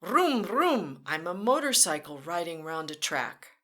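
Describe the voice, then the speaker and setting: Reading a picture book aloud at storytime, a woman speaks straight to children in a sing-song way, adding playful vehicle sound effects. Her voice is fairly low yet pushed and bright, with big pitch swings and an unhurried pace.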